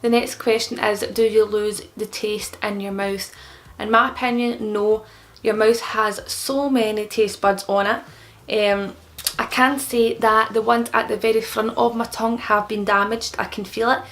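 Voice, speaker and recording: Speaking at a measured pace, this young woman has a somewhat high, slightly bright and creaky voice with fairly even intonation. She's a vlogger casually explaining answers to frequent questions. Her words come out a little thick and impeded, like someone with a new tongue piercing.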